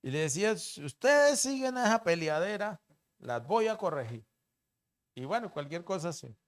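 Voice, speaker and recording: A man preaching a sermon in church, asking the congregation questions and swinging between loud emphasis and soft asides. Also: high voice, big pitch swings, normal speed. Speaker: pastor.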